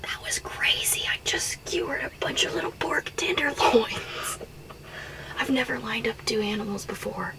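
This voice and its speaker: A woman whispering excited commentary while hunting from a pop-up blind outdoors. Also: a little high, moderate pace. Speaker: hunter filming her hunt. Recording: distant mic with music underneath.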